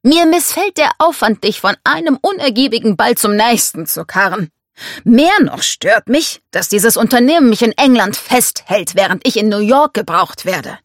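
A woman's voice: a little high, expressive, normal speed, dry recording, studio quality, pitched above the performer's own voice. A woman reading the part of a domineering, scornful rich American father in an audiobook. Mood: commanding, scornful. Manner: commanding, scornful.

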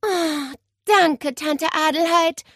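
A woman's voice: very high voice, very animated, a little slow, no echo, studio quality, voice pushed up, exaggerated voice. A woman voicing an indignant young girl in a children's storybook. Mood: relieved. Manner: indignant, scolding.

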